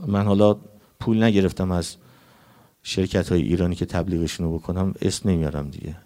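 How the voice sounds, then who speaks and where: A male preacher giving a Shia mourning sermon in a quick, conversational way, reciting Arabic quotations along the way. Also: low-pitched, fairly even intonation, warm tone.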